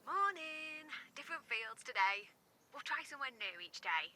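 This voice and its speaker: A bright, brisk young English woman. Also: high-pitched, sing-song, slight background noise, heavily acted. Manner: upbeat, teasing, drops to whispers. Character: young woman Beth, brisk friendly countryside friend. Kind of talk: video game dialogue.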